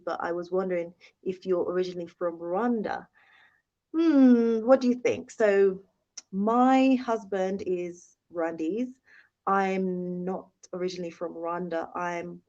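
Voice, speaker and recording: A woman's voice: mid-range voice, a little mellow. A young woman hosting a casual live-stream Q&A, chatting, reading viewer comments aloud and thanking them often. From United Kingdom. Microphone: phone held in hand. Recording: dull lo-fi live-stream audio.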